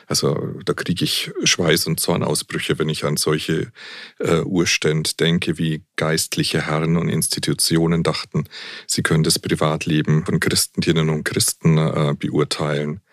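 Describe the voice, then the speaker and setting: A man's voice: rumbling low, flat delivery, measured pace, no echo, studio quality. A man who is a Jesuit priest, speaking as a guest in a frank, outspoken and thoughtful way, with occasional fillers. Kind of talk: reflective conversation.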